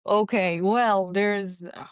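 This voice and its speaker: Chatty woman, smooth voice. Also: mid-range voice, slow pace, dry recording, studio quality. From Pakistan. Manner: chatty, animated, many "you know" fillers. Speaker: interview guest, physician and mountaineer. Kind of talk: casual interview storytelling.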